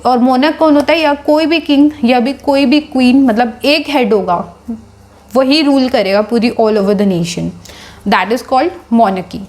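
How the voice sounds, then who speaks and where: A woman teaching English words and their pronunciation, mixing in Hindi, spelling out each word slowly and calling viewers friends. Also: high voice, darkish tone. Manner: slow, deliberate over each English word. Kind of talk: Hinglish vocabulary lesson.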